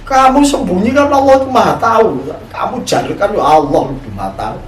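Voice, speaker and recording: A male preacher tells a story in a sermon and keeps asking his listeners questions. His voice sits a little high for a man. He sounds far from the mic in an echoey room. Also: wildly swooping pitch, fast. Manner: storytelling, often questioning the audience. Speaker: Islamic preacher.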